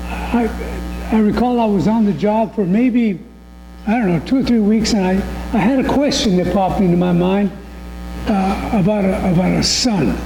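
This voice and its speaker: An older man giving a conversational, anecdotal talk in front of an audience, a little halting and folksy, with some trouble in his voice. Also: sits high. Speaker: guest speaker on immigration. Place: large echoey room, on a microphone. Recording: echoey hall, loud hum and noise.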